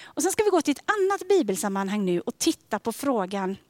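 Soft-spoken woman preaching, dry sound. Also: fairly high pitch, big pitch swings, no room sound. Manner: gentle, drops to soft near-whispers on key questions. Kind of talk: sermon.

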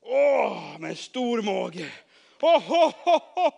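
A man voicing a jolly, hungry big-bellied man from a Bible story for children, loud and high, laughing as he talks. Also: sing-song, vocal fry, full character voice.

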